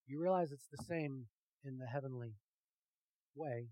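A man preaching a sermon with emphatic rhetorical questions, swinging from hushed to loud and talking directly to his congregation. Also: medium pitch, a little slow, no echo, rough recording. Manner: talks with the congregation, asks them questions. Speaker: pastor.

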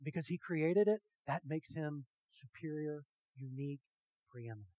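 A man preaching a sermon with emphatic rhetorical questions, swinging from hushed to loud and talking directly to his congregation. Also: fairly high pitch, normal speed, no echo, poor audio. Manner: talks with the congregation, asks them questions. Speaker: pastor.

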